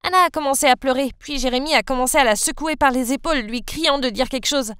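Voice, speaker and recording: A young woman narrating a first-person story in an expressive, dramatic way. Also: high-pitched, fast talker, clean tone, no room sound, clean studio sound.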